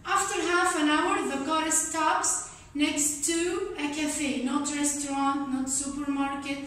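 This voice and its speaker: Woman english teacher reading a story out slow, lots of repeating, sounds far off in a big echoey room. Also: sits high, fairly even intonation, a bit bright. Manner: slow, clear, repeats key words for learners. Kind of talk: reading a story aloud and explaining to learners. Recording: very echoey, from a distance.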